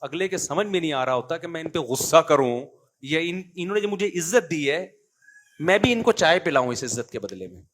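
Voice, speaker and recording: A man with a fairly high voice gives a conversational religious sermon, moving between soft storytelling and forceful emphasis. He often asks his listeners rhetorical questions. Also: lively intonation. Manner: storytelling, swings from quiet asides to emphatic preaching. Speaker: Islamic preacher.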